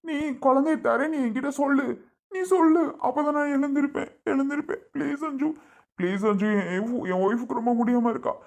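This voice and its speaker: A woman's voice: high voice, fairly quick, darkish tone. A desperate young husband, begging on his knees and repeating the same plea again and again, as a woman acts him out. His voice is close to an everyday one, pushed up and strained by begging. He is one of the figures in a home drama skit. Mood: pleading. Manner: pleading, repeating a name over and over.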